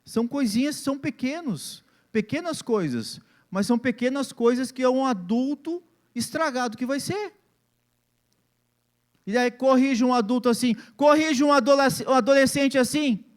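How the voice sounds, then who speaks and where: A man's voice: extremely high pitch, moderate pace. A man, preaching a sermon as pastor and acting out family scenes in different voices.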